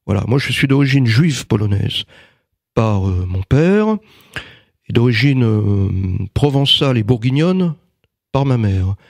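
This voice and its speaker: A writer and magnetizer gives a casual interview, his mid-range voice animated yet a little slow. He hesitates often, with lots of fillers and restarts, and the clean studio sound has no room tone.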